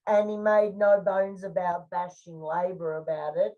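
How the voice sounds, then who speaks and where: An Australian woman shares her views slowly and deliberately, pausing on fillers as she thinks aloud. She sounds a little distant from the microphone, as if sitting back in the room. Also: fairly low pitch, steady tone, lo-fi sound. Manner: measured, opinionated, frequent "you know" and "um". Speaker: co-host. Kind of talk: casual discussion of the federal budget.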